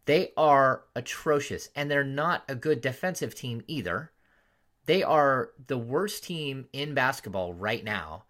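A male sports podcast host in casual conversation, with a mid-range voice that jumps up loudly whenever he quotes fans or announcers. He tells his stories in an animated way. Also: medium pitch. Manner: animated storytelling, loud voices when quoting fans. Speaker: podcast host, team insider.

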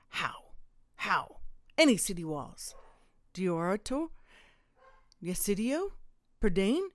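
A woman's voice: medium pitch, no echo, clean studio sound. A woman voicing a drunk, bitter small-town mayor who rants with disgust and repeats himself.

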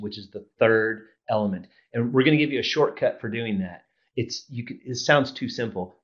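A man's voice: lowish voice, muffled recording. A man coaching on public speaking, explaining with examples in casual chat. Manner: explains with examples, laughs often.

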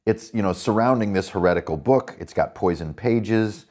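A man's voice: fairly low pitch, normal speed, darkish tone. A man hosting a tabletop roleplaying podcast, talking casually and enthusiastically about worldbuilding with lots of fillers. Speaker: podcast host and dungeon master.

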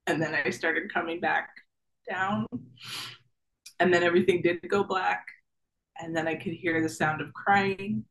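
A woman's voice: lowish voice, steady tone, a little slow, long pauses, a bit bright, rough recording. A woman in her thirties recounts her own experience as a guest in casual conversation. She talks in a chatty, vivid way, peppered with fillers, and voices her past thoughts aloud. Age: 30s. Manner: vivid, chatty retelling with many "like"s and acted-out thoughts. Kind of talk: personal storytelling interview.

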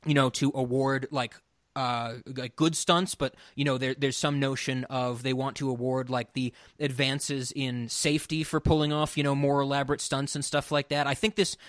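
A man's voice: mid-range voice, level tone, moderate pace, no echo, studio quality. A man co-hosting a podcast, talking in a loose, rambling way with many restarts. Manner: laughs often. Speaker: podcast co-host. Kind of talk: casual chat.

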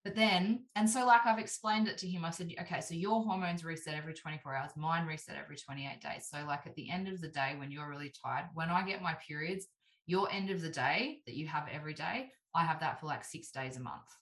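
Brief: woman, 30s, low-pitched chatty guest, lots of "like", echoey room. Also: fairly quick. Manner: animated, heavy use of "like", acts out quoted voices. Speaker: podcast guest. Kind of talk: casual chat. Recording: roomy echo.

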